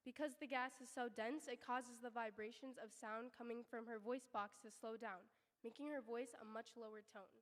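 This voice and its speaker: A teenage girl presenting a chemistry demonstration, reciting her explanation clearly. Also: on the high side, fairly even intonation, normal speed. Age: late teens. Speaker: student demonstrator. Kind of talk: scripted science explanation. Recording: echoey auditorium sound.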